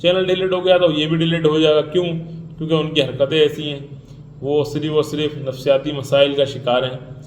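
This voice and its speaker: A man with a fairly high voice rants in an indignant commentary, repeating points and mockingly mimicking others. The room is echoey, with faint ambience behind him. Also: level tone, a little hiss or hum. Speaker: vlogger. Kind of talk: ranting commentary.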